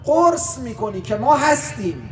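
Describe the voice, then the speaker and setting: A man, a cleric, preaching a religious sermon to a gathering with impassioned rhetoric that swings between loud and quiet. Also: very high-pitched, big pitch swings, crowd noise. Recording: echoey room, distant mic, faint hiss.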